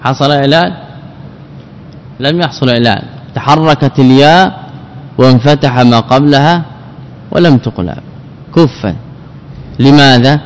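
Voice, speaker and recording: A man teaching a grammar lesson, repeating word forms slowly and putting questions to himself before answering. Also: mid-range voice. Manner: repeats words, drills forms, asks and answers own questions. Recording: long hall reverb.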